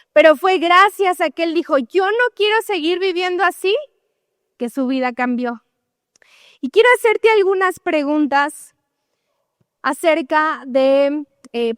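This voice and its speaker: A young adult woman pastor with a Mexican accent and a high, fairly bright voice preaches a conversational sermon, often tagging her points with "¿verdad?" and acting out everyday dialogues. The recording is studio quality with no echo.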